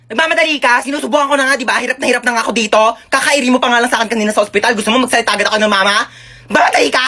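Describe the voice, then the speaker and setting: A woman acting out comedy skits with sassy, rapid comic retorts. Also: fairly high pitch, bright, forceful tone. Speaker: comedy skit creator. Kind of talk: comic skit acting in many roles.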